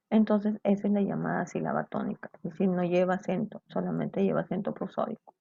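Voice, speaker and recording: Gravelly-voiced woman teaching a lesson. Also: on the low side, dry recording. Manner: explanatory, checks in with "¿cierto?" and "¿bien?". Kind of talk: online grammar lesson. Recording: dull lo-fi sound.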